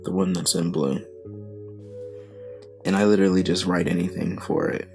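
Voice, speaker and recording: A young man casually explaining his recording files in a relaxed studio vlog. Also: sits low, moderate pace, vocal fry, faint music behind.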